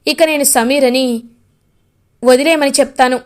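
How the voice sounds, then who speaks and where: A woman doing a calm, sincere young man. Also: high-pitched, measured pace. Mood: earnest. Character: reformed young man, Darshan.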